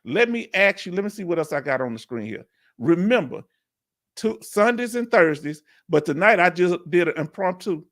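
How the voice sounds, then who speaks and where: A man's voice: a little high, fairly bright tone. A middle-aged man with a Houston, Texas accent, hosting a casual live Q&A stream in a laid-back, chatty way and laughing often. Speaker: livestream host.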